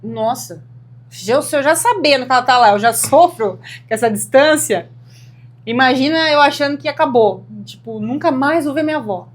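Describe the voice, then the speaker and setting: Young woman cohost, kinda high voice, earnest casual chat, gets lively telling stories. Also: normal speed. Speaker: podcast co-host.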